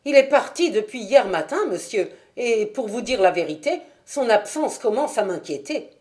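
A woman's voice: fairly high pitch, sing-song, normal speed. A woman voicing a stout, talkative boatman's wife in a French audiobook. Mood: chatty. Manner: loud, fussing and talkative. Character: shrill stout working-class boatman's wife.

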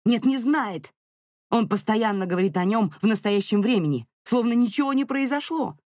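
An audiobook narrator voicing a furious, grieving young mother who shouts and accuses, near hysteria. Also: medium pitch, expressive, a little slow, husky, no room sound. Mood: hysterical. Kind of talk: audiobook character reading.

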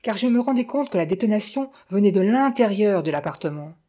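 A woman narrating a detective novel aloud. Her reading is measured and steady, in a plain storytelling voice. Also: mid-range voice. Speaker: audiobook reader.

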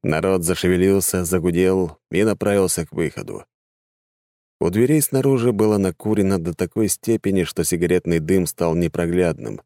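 A man narrating an audiobook in an even, measured storytelling manner. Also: sits low, no echo, clean studio sound. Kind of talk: scripted narration.

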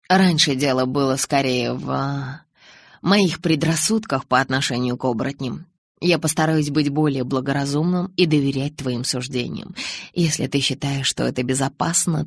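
A woman voicing a calm, tender young man with soft, restrained speech in an audiobook. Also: a bass voice, moderate pace, no room sound. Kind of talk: audiobook character reading.

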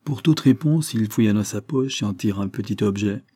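A man narrating a French crime novel audiobook in a measured, even reading, close to the mic. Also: on the low side, breathy edge, no echo. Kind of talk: scripted narration.

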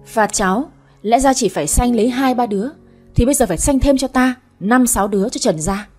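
A strict elderly matriarch, as a woman storyteller voices her in an audiobook tale. She scolds in a firm, slightly raised voice, a little husky, with faint music behind. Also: a little high, fairly quick, darkish tone. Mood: stern. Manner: stern, scolding. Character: stern old grandmother, family matriarch.

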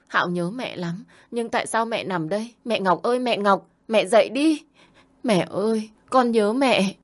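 Woman doing a crying little kid, high voice, begging his mom. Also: moderate pace, natural voice. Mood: tearful pleading. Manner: tearful pleading. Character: small boy crying for his mother.

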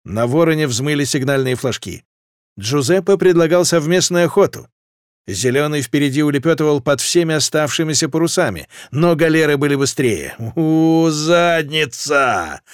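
A man reading a historical fantasy audiobook with steady, lively narration. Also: fairly high pitch, fairly quick, no echo, studio quality.

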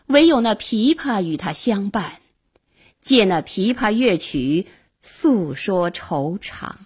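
A woman storyteller with a husky, slightly breathy voice performs a classic tale in traditional oral style. She speaks slowly and deliberately, her pitch rising and falling widely with dramatic expression. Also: big pitch swings.

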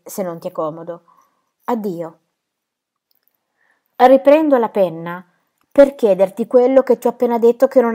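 A woman's voice: mid-range voice, darkish tone, natural voice. A woman reading an anxious young woman's letter. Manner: earnest, anxious. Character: young woman writing a worried letter to her sister.

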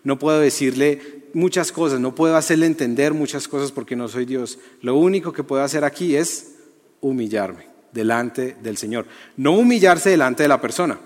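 A man's voice: mid-range voice, normal speed. Preacher guy, chatty, keeps asking the crowd questions, reverby church hall. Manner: lively, conversational, asks the audience questions. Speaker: youth preacher. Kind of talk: sermon.

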